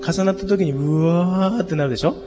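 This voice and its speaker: A hoarse man teaching a group singing lesson, explaining harmony and leading the class in exercises. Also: sits high, fairly quick, long reverb tail, dull audio, music in the background. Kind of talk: music lesson.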